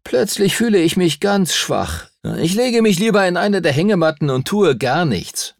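A man plays a cheeky boy in an audiobook. The voice is raised and bouncy, mocking and pleased with itself, with a slight rasp beneath. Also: high voice, sing-song, normal speed, no room sound, studio quality, pitched above the performer's own voice, heavily acted. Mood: teasing. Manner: mocking and cocky. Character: cheeky teasing boy, lazy joker. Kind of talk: audiobook character voice.

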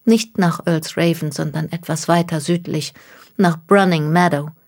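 A woman's voice: low-pitched, fairly even intonation, a little slow. Woman voicing a distraught young woman near tears. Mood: earnest. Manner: pleading, close to tears. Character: young woman, distraught, stranded by a cruel hoax.

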